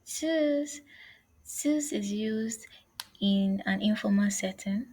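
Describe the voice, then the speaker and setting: A woman teaching an online language lesson, speaking slowly and carefully and saying each phrase twice. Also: mid-range voice, steady tone, a little mellow, husky, low-quality recording.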